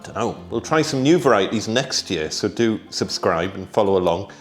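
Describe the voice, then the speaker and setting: A British man speaks in a low, easygoing voice as he hosts a casual gardening vlog. He chats in a relaxed way, thinks aloud with little asides and talks between bites of food. Faint music plays behind him. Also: moderate pace. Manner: talks while tasting food. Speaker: gardening vlogger.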